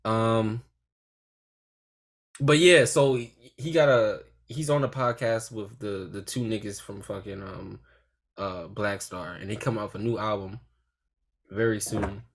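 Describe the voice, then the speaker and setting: A man's voice: on the low side, steady tone, a little slow. A tipsy man co-hosting a casual podcast, rambling loosely with plenty of slang and swearing. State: a little tipsy. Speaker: podcast co-host. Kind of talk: casual, profane podcast chat.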